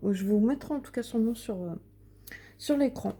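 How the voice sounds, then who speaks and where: A young woman sits at home in front of a window for a casual show-and-tell vlog, showing her finished coloring pages. Her voice is somewhat high, warm and a little breathy at a moderate pace, and she is chatty and hesitant, with many fillers and restarts.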